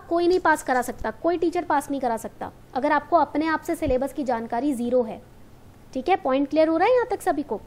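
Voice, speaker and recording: A young woman with an Indian English accent, teaching an online exam-prep lesson, mixing English and Hindi and often checking that students follow. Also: sits high.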